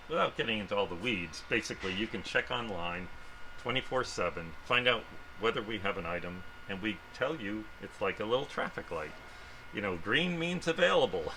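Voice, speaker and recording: A man's voice: lowish voice, expressive, moderate pace, sharp tone. A middle-aged man giving an informal guided tour of a warehouse, speaking through a face mask. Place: large indoor warehouse. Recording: noisy warehouse ambience.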